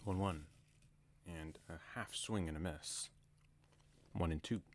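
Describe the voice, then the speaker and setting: A man giving casual solo play-by-play of a baseball game from home, with relaxed, chatty asides between the calls. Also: low voice, slow. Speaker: play-by-play announcer.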